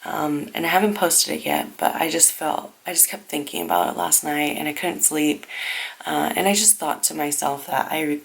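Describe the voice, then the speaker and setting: A young woman, a native Vietnamese speaker from a Vietnamese-speaking household, hosts a casual family vlog in a low, animated, gravelly voice. She hesitates and thinks out loud while chatting, and the recording carries home-video noise and clicks.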